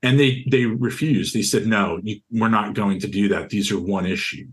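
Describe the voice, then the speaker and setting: Being interviewed, a university student in young adulthood describes something he went through himself. His voice is deep and carries, the pace moderate; he is earnest and halting, frequently repeating words as he looks for what comes next.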